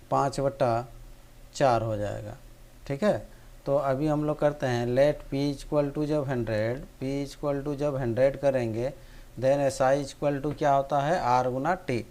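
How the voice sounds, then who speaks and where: Patient teacher working examples. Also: male voice, medium pitch. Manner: steady explanatory, checks in with "ठीक है". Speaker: maths teacher. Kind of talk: recorded online maths lesson.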